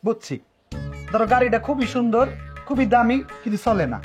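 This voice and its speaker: An actor playing a scheming husband who takes a second wife, talking in a lively dialect-heavy way. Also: male voice, very high voice, soft background music. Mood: scolding. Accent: Bangladeshi Bangla dialect. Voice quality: animated, lively, fast talker. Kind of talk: comic TV drama.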